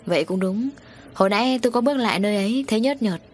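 A woman voicing a blunt, loud-spoken man who leads a crew of dock workers, in an audio story. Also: mid-range voice, rapid-fire, slight background noise, natural voice.

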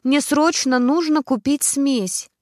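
A woman voicing a demanding young mother who shouts and scolds her husband. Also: high voice, slow, no room sound, studio quality, voice pushed up. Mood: shrill. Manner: loud, scolding, insistent.

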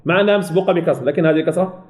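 In a recorded tajweed lesson, a high-voiced male sheikh teaches Quran recitation rules, explaining step by step and asking and answering his own questions. He drills example words slowly and repeatedly, in a darkish tone.

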